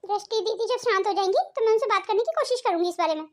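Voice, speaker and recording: A woman's voice: very high-pitched, racing. A woman voicing a patient, polite cartoon daughter-in-law. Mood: reassuring. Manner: polite, placating, calm. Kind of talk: cartoon family drama voice acting.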